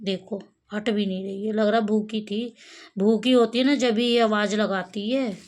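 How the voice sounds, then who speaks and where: A pet vlogger films a cat in her home courtyard on a phone camera, chatting casually to it and calling it in a coaxing, sing-song way. Her voice is medium-pitched and a little mellow, with fairly even intonation and a measured pace.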